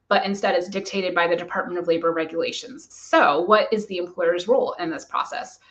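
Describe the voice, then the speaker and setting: A woman immigration lawyer giving a measured, methodical explanation to camera. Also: mid-range voice, muffled recording.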